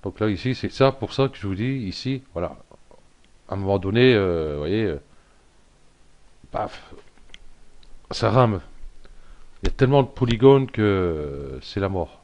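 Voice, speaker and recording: A man giving a casual software tutorial, thinking aloud with lots of fillers and little self-deprecating asides. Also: fairly low pitch, expressive, a little slow, pauses often, dull audio. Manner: rambling, thinks aloud with many fillers and "hop". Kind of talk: casual screen-recorded tutorial.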